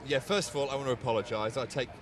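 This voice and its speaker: A man's voice: mid-range voice, rapid-fire, music in the background. An English man giving wry, self-mocking cricket analysis on a panel at a ground. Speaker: cricket pundit. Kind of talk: joking cricket panel chat.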